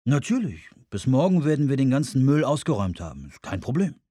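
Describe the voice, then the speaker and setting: A man's voice: medium pitch, sing-song, brisk, warm tone, no echo. A man voicing a friendly, glib young male estate agent.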